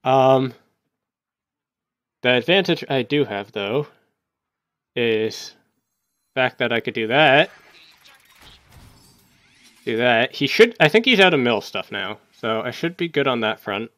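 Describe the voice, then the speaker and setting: A man giving casual gameplay commentary, thinking aloud as he plays and breaking into sudden excited outbursts. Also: medium pitch, takes it slowly, long pauses, no echo, studio quality. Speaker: gaming YouTuber.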